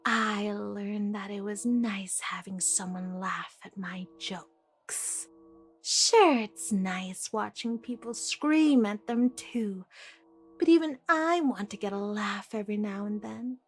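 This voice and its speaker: A woman's voice: medium pitch, slow, husky, faint music behind. A woman playing a deranged, playful and menacing female villain in an ASMR audio roleplay, taunting and theatrical as the delivery moves between whispers and outbursts. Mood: falsely sweet, scheming.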